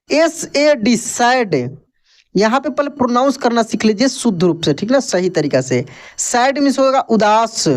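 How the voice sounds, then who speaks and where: A man teaching English reading. He spells each word letter by letter, repeats it several times, and asks and answers his own questions. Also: very high-pitched. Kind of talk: spoken language lesson.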